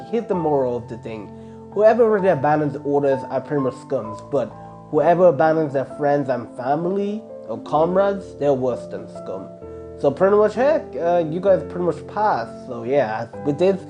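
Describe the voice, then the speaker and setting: A man casually improvising a fan fiction story, rambling with constant filler words and restarts. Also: on the high side.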